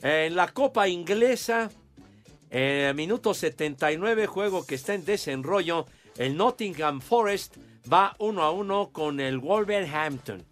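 A man's voice: high-pitched, animated, unhurried, a bit bright, faint music behind. An older man bantering jokily as a regular on a radio show.

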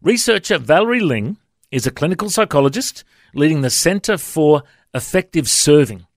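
A man's voice: on the high side, big pitch swings, moderate pace, no echo, clean studio sound. A man hosting a radio interview in a friendly, conversational way. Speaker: radio host.

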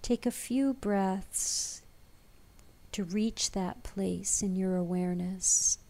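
A woman leading a guided meditation as a teacher, in a soft, breathy, soothing delivery. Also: medium pitch, slow.

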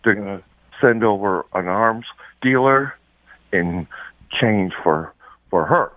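Male caller, speakerphone, tinny phone line, low voice, dry sound, hesitant. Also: slow pace, dry recording. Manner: hesitant, with frequent ums. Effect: speakerphone call over a phone line. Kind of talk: call-in radio talk.

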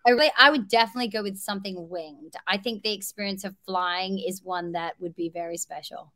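An Australian actress talking casually in an interview, hesitant with many fillers and restarts. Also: female voice, mid-range voice, fairly quick, bright, forceful tone, no echo. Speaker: actress guest.

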